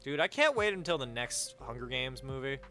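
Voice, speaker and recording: Male streamer, lively pitch, bright tone, crude joking chat, headset mic, faint music behind. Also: brisk. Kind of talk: casual live-stream chat while gaming.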